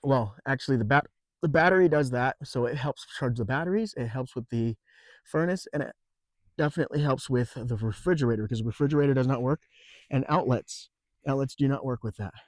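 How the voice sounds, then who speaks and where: A man's voice: mid-range voice, brisk, no room sound. Casual man vlogging, dry close sound. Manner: rambling and relaxed, with fillers and restarts. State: has the hiccups. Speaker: off-grid homesteading vlogger. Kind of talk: casual walkthrough vlog. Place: outdoors and inside a camper on a rural off-grid homestead.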